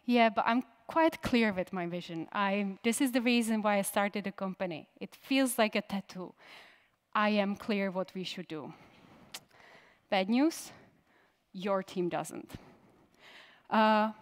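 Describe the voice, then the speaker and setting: Woman, 30s, Czech native speaker, conference keynote, direct, questioning, stage mic. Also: medium pitch. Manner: direct, poses questions to the audience.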